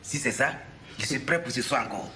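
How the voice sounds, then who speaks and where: An actor with an Ivorian French accent playing a boastful, forgetful retired husband in his later years, teasing and loud in a sitcom. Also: medium pitch, expressive, a little fast, background noise, lightly acted. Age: older. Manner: boisterous, teasing, loud exclamations. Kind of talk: sitcom acting.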